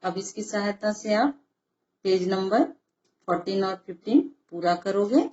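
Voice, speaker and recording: Woman teacher, slow and patient, syllable by syllable; dull lo-fi sound in an echoey room. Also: medium pitch, darkish tone. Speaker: Hindi teacher. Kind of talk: classroom lesson explanation.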